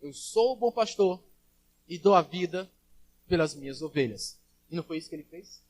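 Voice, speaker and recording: A man preaching a sermon as pastor at a church service, swinging from loud calls to quiet asides and acting out the voices he quotes. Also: a little high, lively intonation, moderate pace, dry recording.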